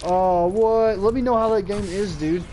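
A man's voice: sits high, moderate pace. A man streaming a video game in casual chat, talking like a frat bro with lots of slang and swearing. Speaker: livestreamer playing a video game. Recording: noisy mic with game sound.

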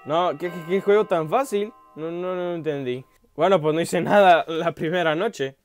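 A young man giving let's-play commentary, rambling aloud with many fillers and bursting into loud yelps whenever something startles him. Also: a little high, normal speed, soft background music. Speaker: gameplay commentator.

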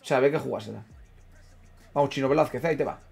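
A young man giving casual commentary while playing a football management game, chatting with viewers, swearing and yelling at big moments, then muttering low. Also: very fast, gravelly, slightly rough, faint music behind. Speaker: gaming streamer. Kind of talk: casual live gameplay commentary.

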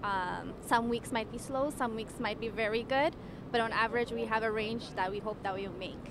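A young woman from Ethiopia working as a waitress, answering street interview questions in a measured, polite way. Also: fairly high pitch. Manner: measured and polite, occasional stammered restarts. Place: outdoors on a city street. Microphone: handheld microphone held by interviewer. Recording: street noise outdoors.

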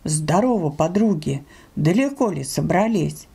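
Storybook male wolf, played by a woman: boastful, brash, unhurried, mellow-toned. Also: lowish voice, expressive, vocal fry, husky, pitched below the performer's own voice, heavily acted. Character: cocky male grey wolf, brash and familiar. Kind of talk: storybook character voice in an audio fairy tale.

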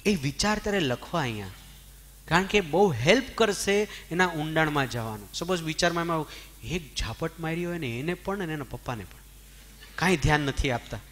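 Brief: male spiritual teacher, lively and questioning, somewhat high voice. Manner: animated, asks the audience questions, mixes English words. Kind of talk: Jain discourse to an audience.

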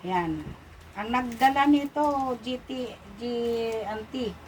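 High-voiced Filipino woman missing front teeth. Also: animated, takes it slowly, a little mellow, poor audio. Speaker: online vlogger. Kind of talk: casual unboxing chat to viewers. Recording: noticeable background noise.

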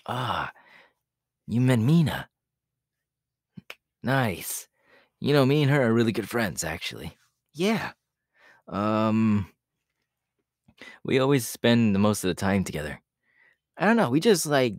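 [name], a man playing an easygoing, slow-talking young student. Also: lowish voice, sing-song, dry recording, clean studio sound, full character voice. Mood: easygoing, friendly. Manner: hesitant, chuckling, informal, speaking straight to the listener. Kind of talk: ASMR audio roleplay, one-sided casual chat.

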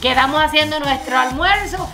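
Cuban woman, 30s, high bright voice, chatty kitchen vlog host. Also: normal speed, faint music behind. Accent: Cuban Spanish. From Cuba. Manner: chatty and laughing, mixing in English words. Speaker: vlogger, channel co-host. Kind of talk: casual chat. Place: home kitchen, indoors.

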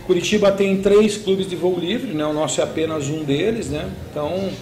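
A man's voice: high voice, moderate pace, reverberant. A middle-aged man from Brazil, the owner of a paragliding school, explaining steadily in an interview and tagging his sentences with "né". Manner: steady explaining with frequent "né" tag questions. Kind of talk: interview answers. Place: indoor shop room with shelves.

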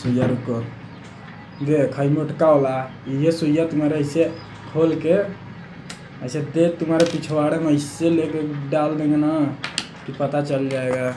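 A man's voice: fairly high pitch, steady tone, measured pace, background noise. A man acting out a comic sketch as a doctor, teasing his patient with brash, coarse banter. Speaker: comedy sketch actor.

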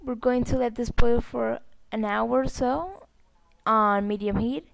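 Slow-paced woman. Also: on the high side, creaky, dry recording. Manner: plain step-by-step instructing. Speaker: host of a cooking channel. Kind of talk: recipe narration.

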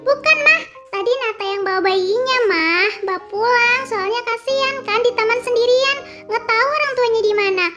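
A woman's voice: extremely high pitch, normal speed, over music. A woman voicing eager little children in a game role-play story, pleading and chattering. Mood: puzzled, explaining. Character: eager little kids who found a baby.

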